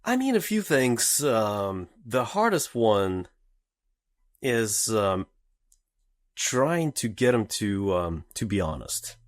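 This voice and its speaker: A man with a lowish voice talks casually as a podcast guest. He hesitates a lot and fills his pauses with many "uh"s and "um"s. The recording is dry and close. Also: very animated, no echo. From Russia. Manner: hesitant, many fillers and restarts.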